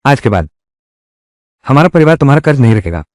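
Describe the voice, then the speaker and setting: A man's voice: mid-range voice, big pitch swings, brisk, dry recording, studio quality, natural voice. A man dubbing a cocky poor village youth. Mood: cold. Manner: scornful, challenging taunts. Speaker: voice actor. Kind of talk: Hindi drama dubbing.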